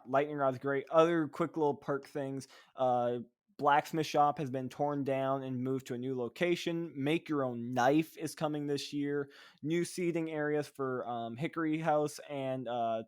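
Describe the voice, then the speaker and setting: A man's voice: mid-range voice, darkish tone, clear, resonant tone, no echo, clean studio sound. A man co-hosting a podcast, chatting enthusiastically with frequent fillers. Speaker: podcast co-host. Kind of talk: casual podcast chat.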